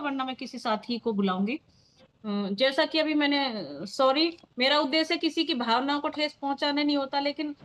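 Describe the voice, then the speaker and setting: Woman running a team training on a video call, high voice, earnest and firm. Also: a bit bright. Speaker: meeting leader.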